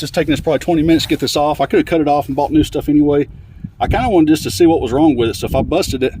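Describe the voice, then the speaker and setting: A man talks through his work on an old truck outdoors, winded and rambling, with lots of fillers. His voice sits at an ordinary middle pitch. He records on a handheld phone, with faint noise behind him. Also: dark tone. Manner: rambling, filler-heavy, laid-back. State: out of breath. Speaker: vlogger fixing an old truck. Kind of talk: casual working commentary.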